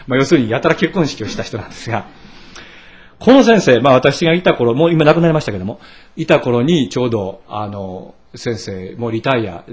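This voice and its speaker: A middle-aged Japanese man preaching a sermon as pastor, telling stories with asides and asking the congregation questions. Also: medium pitch. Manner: animated storytelling with asides and rhetorical questions.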